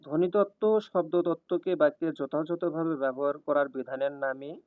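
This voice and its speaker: A man's voice: fairly high pitch, moderate pace, dry recording. Man reading exam questions over a tinny line. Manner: reads each question then its answer in an even, steady cadence. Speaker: exam prep tutor. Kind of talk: scripted question-and-answer reading. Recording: tinny, dry, phone-like sound.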